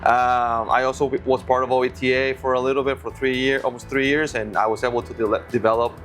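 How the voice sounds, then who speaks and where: A man's voice: medium pitch, little pitch movement, fast, fairly bright tone. Man, friendly, casual chat, faint background music. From Venezuela. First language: Spanish. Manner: friendly, easygoing, repeats words while thinking. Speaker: co-host.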